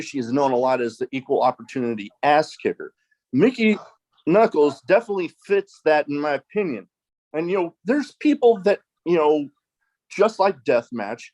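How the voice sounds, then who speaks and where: A man's voice: on the high side, a little mellow. A man hosting a podcast interview, talking casually and hesitantly with many restarts and "you know" fillers. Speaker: podcast host.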